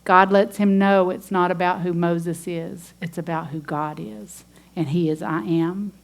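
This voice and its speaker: A woman's voice: on the low side, steady tone, a little slow, creaky. A woman teaching a women's ministry sermon, earnest and emphatic, reading scripture aloud.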